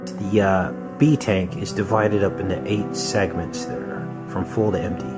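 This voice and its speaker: With a low-pitched, steady voice and a measured pace, a man narrates film clips for conspiracy videos, addressing listeners earnestly as their host. Loud music runs under everything.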